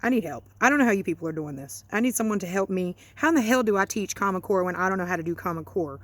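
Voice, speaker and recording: An exasperated woman rants into her phone outdoors on a porch, swearing freely and poking fun at herself. Her voice sits at an everyday middle pitch and sounds dry and close, with no room echo around it. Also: lively intonation, very fast, a bit bright. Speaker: parent home-schooling her child. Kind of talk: casual vlog rant.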